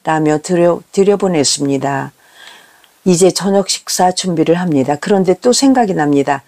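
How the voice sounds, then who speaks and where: A woman's voice: fairly low pitch, lively intonation, normal speed, warm tone. A middle-aged woman, a teacher and mother, giving a confessional storytelling talk and asking the audience rhetorical questions.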